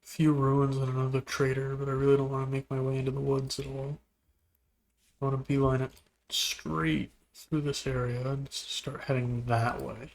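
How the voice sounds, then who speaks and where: A man giving relaxed, musing commentary while playing a video game, now and then talking to things on screen. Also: medium pitch, normal speed, vocal fry. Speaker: gameplay video host. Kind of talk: casual gameplay commentary.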